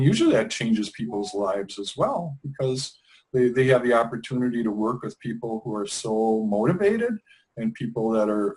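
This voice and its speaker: On a low-quality recording, a middle-aged man from Wisconsin, USA, with a medium-pitched voice, chats as an interview guest. He trains English teachers and talks in an easygoing, rambling manner, frequently restarting sentences and leaning on fillers throughout the conversation.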